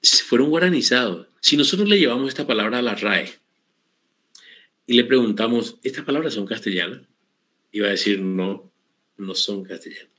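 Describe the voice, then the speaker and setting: A man's voice: medium pitch, animated, bright, forceful tone. Man teaching a Guaraní class. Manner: explanatory, repeats words slowly for students. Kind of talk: online class lecture.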